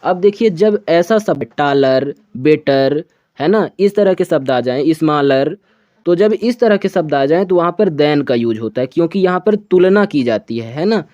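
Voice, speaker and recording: A man's voice: a little high, expressive, darkish tone, dry recording. Dry, muffled male grammar teacher. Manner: asks questions, then answers them; reads example sentences slowly. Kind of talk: exam grammar lesson. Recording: dull, dry, lo-fi sound.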